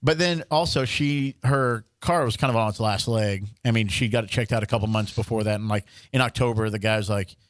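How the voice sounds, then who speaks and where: A young man co-hosting a podcast speaks fairly quickly and with few pauses, his voice fairly low, with no room sound. In casual chat, he spins long, rambling stories, restarting often and joking along the way.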